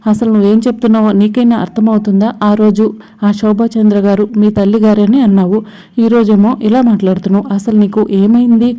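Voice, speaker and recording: A woman's voice: mid-range voice, level tone, a little fast, warm tone, natural voice. A woman voicing a stunned young man asking questions in disbelief. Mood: bewildered.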